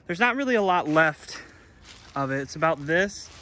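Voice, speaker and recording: A young man casually narrating an outdoor exploring vlog in snowy woods, talking in a relaxed, unsure way with plenty of fillers. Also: on the high side, moderate pace, slight background noise, low-quality recording. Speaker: vlogger.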